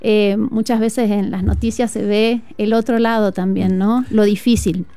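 Speaking with an Argentine Spanish accent, a Tucumán-born music teacher and flutist is a guest in a conversational interview set in an outdoor school courtyard, earnest and reflective, often pausing on "eh." Her mid-range voice is mellow and smooth with fairly even intonation. The audio is dry and close, with no room sound.

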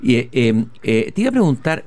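A man's voice: medium pitch, big pitch swings, fairly quick, darkish tone, no echo. A man hosts an interview about teaching, thoughtful and a little hesitant. He restarts often as he works out his questions. He talks outdoors in a school patio. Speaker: interviewer host. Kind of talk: conversational interview.

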